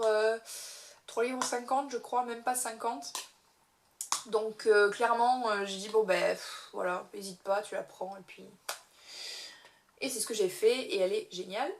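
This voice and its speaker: A woman's voice: mid-range voice, slight background noise. A young woman chatting casually about beauty products she bought, giggling often and filling her sentences with hesitations and restarts. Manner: chatty, giggly, many fillers and self-corrections. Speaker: beauty vlogger. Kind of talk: casual haul video chat.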